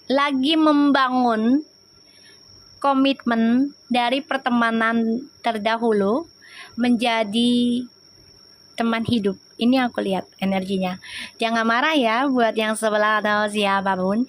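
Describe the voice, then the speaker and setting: Lady w slang doing a live tarot reading, high voice, teasing, laughs a lot. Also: unhurried, pauses often. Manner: chatty and teasing, breaks into laughter often. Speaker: tarot reader on a live stream.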